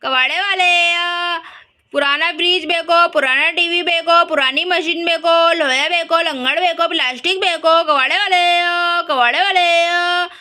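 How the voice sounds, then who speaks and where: A woman's voice: very high-pitched, steady tone, measured pace, pushed and bright, full character voice. A woman voicing a brash male street junk dealer who hawks in sing-song calls and talks back defiantly. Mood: hawking. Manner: hawker's sing-song calls, cocky backtalk.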